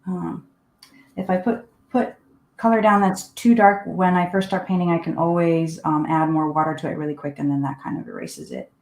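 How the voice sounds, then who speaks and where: This Finnish art teacher has a lowish, slightly mellow voice with lively intonation and a normal speed. She leads a live online painting class from her desk at home, talking casually and thinking out loud as she paints. There's a roomy echo on the recording.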